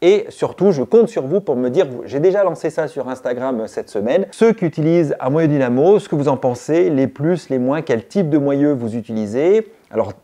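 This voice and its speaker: A man's voice: on the high side, lively intonation, normal speed, hardly any pauses, warm tone. A man hosting a cycling channel, giving a chatty gear review and explaining step by step to his viewers.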